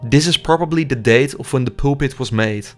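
Faint music plays beneath scripted documentary narration read by a young urban explorer. He speaks at a middle pitch, steady and explanatory.

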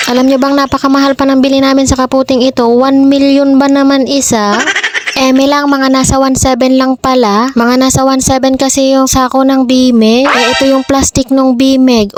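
Young woman vlogger, high bright voice, jokey chatty narration, faint noise behind. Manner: joking, chatty, squeals a high catchphrase. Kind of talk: playful vlog narration.

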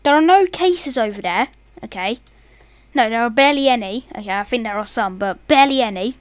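A young woman giggling and rambling excitably through a casual meme reaction commentary. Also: on the high side, brisk, clean tone, dry recording. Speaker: meme reaction video host.

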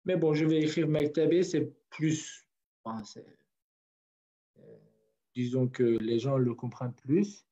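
Over a video call with dull, lo-fi audio, a man from northern Kurdistan teaches a language class, patiently repeating words for his students. His medium-pitched voice is warm and fairly even, unhurried, with frequent pauses.

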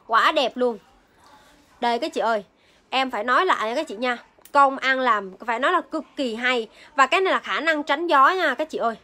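A woman's voice: fairly high pitch, sharp tone. A young woman selling on a phone livestream in an indoor shop, chatting casually to viewers and repeating her phrases. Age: young adult. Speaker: livestream seller. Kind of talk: casual live sales chat. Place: indoor beauty shop room. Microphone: phone at arm's length.

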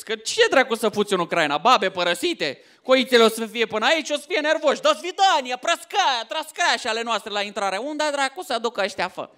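A man in his thirties from Romania doing a stand-up comedy set on stage, loud and animated, often shouting punchlines. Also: very high-pitched. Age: 30s. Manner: loud, animated, swings into mock voices and shouts. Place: theater stage before a laughing audience.

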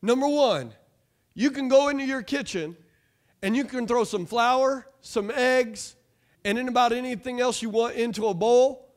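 A man, preaching a lively call-and-response sermon from a church stage. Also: very high voice, moderate pace. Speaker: pastor. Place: church stage, large room.

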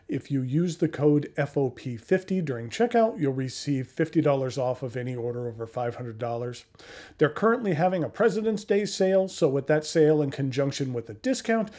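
Man in his fifties, slightly higher voice, steady measured review narration, frequent ums, home office. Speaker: channel host reviewing a standing desk. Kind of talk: scripted product review narration.

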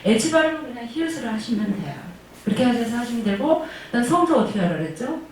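Speaking fast and expressively in a voice on the high side, a woman runs an online Chinese pronunciation lesson in a senior welfare center classroom. She demonstrates tones and sounds aloud, at times singing them, and poses questions to the class only to answer them herself. The mic is distant, the room very echoey, with faint noise.

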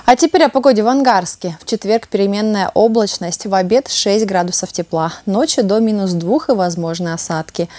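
A woman's voice: lowish voice, darkish tone, no echo. A woman presenting the local weather forecast in a cheerful, scripted studio delivery. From Russia.

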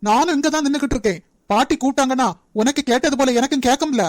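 A woman's voice: high-pitched, quick pace, dry recording, studio quality, natural voice. A woman voicing a stern, protective young man in a cartoon, speaking firmly with a Nagercoil Tamil accent. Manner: firm, commanding. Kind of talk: cartoon voice acting.

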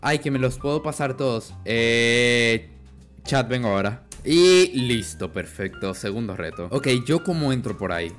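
A man's voice: medium pitch, a little slow. Man, gaming commentary, worn-out voice, faint game music behind. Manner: excitable, swings from mumbling to yelling. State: voice worn out from talking. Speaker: gaming youtuber. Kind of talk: casual gameplay commentary.

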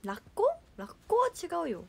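A woman's voice: on the high side, wildly swooping pitch, moderate pace, a little mellow, breathy edge. Chatty young woman on a livestream. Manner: chatty, filler-heavy, reacts to comments. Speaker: idol livestream host. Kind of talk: casual livestream chat reading fan comments.

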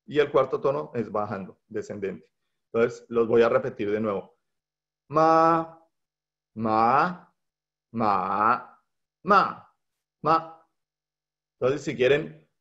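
A man teaches a language workshop over a video call. His voice sits at a middle pitch and he talks with frequent fillers and restarts. The computer mic gives a dull, lo-fi sound. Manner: patient, with many hesitations and fillers. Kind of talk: online workshop lecture. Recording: dull lo-fi online call audio.

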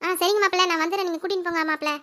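Woman voicing a panicky cartoon mom, squeaky high, pleading fast. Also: fairly even intonation, pushed and bright. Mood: fretful. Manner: fretful, pleading, higher voice. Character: worried middle-aged mother of the new mother.

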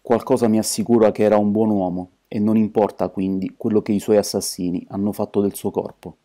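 A soft-spoken little priest detective, calm and quietly firm, read by a man. The voice sits low and mellow. It stays steady even when he is curt. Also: brisk, natural voice. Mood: gentle. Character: small gentle elderly male priest detective.

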